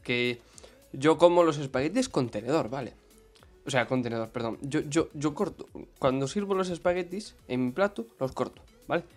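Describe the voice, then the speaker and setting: A young man with a Madrid accent, chatting casually as a podcast co-host, relaxed and swearing offhandedly. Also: on the high side, moderate pace, faint music behind. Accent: Madrid Spanish. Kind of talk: casual chat.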